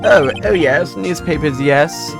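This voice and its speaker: A man's voice: fairly high pitch, slow pace, creaky, music in the background. A man voicing a nervous male newspaper salesman witness in a put-on posh British accent. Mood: flustered. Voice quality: posh, stiff.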